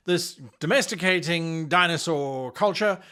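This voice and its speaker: Speaking unhurriedly in a slightly high voice that is clear, resonant, and sharp in tone, a man hosts a tabletop game-mastering show. His scripted explanation to camera is animated and packed with theatrical, exaggerated emphasis.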